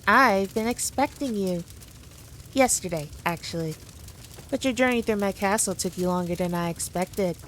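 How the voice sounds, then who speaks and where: Playing a haughty demon queen, a woman speaks straight to the listener in a mid-pitched, fairly bright voice that stays close to her everyday one. Smug and dominant, she taunts with playful condescension at a moderate pace in this ASMR roleplay. The recording is rough, with noticeable background ambience and a little hiss or hum.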